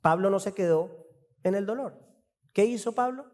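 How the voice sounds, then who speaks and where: A man's voice: sits high, moderate pace, darkish tone, long reverb tail. A man preaching an expository sermon as pastor, asking rhetorical questions and acting out dialogue. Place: church.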